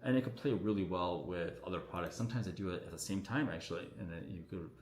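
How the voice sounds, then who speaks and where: A man, a doctor, answering viewer questions on a casual livestream in a relaxed, chatty way full of fillers, his voice echoing around the room. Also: deep voice, fast. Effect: echoing room sound on the stream. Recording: echoey room audio on a livestream.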